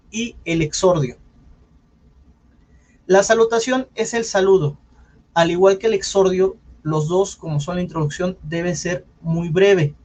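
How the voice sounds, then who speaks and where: A man with a Mexican accent teaches public speaking in an online session. His voice sits high for a man. He talks in a loose, conversational way, with apologetic asides and self-corrections. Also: darkish tone. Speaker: radio announcer giving a public speaking talk. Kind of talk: online lecture.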